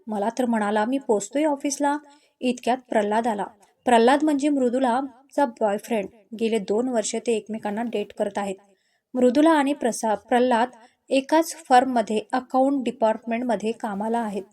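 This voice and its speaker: A woman storyteller reading a scripted love story in a gentle, descriptive way. Her voice sits fairly high yet sounds soft and mellow. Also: moderate pace.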